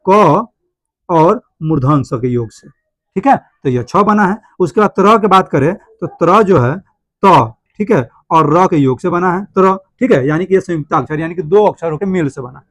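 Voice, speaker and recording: A male teacher gives a classroom grammar lesson, repeating each point and asking the class questions that he then answers himself. His voice sits high, and he speaks to his students affectionately. The recording is dry and close, with no room sound. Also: no echo.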